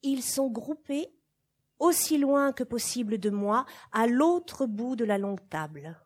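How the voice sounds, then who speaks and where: Slow, breathy woman reading a novel. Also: a little high. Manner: measured, expressive reading with sudden swells and hushed drops. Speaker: reader of a novel. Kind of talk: literary audiobook reading.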